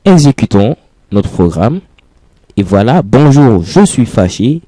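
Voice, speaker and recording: A man's voice: mid-range voice, sing-song, measured pace, dark tone, no room sound. A man teaching a programming lesson in French over a screen recording, explaining patiently step by step and repeating key phrases. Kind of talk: screencast coding tutorial.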